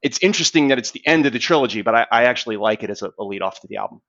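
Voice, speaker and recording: A man's voice: medium pitch, expressive, racing, a bit bright, no room sound, muffled recording. A man co-hosting a podcast, talking eagerly about music and often repeating words as he restarts. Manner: enthusiastic, stammering restarts. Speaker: podcast co-host. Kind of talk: casual music chat.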